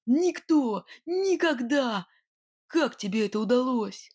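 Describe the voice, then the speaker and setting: Woman playing a boastful gruff robber. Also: high voice, animated, slow, a little mellow, dry recording, heavily acted. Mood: indignant. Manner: blustering, then grim and menacing. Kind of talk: audiobook character voice.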